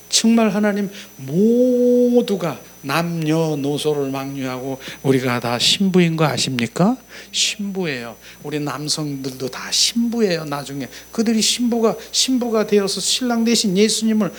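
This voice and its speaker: A middle-aged male pastor preaching a sermon at a church service, swinging between loud, emphatic exclamations and soft, quiet murmurs. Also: high voice, normal speed, few pauses.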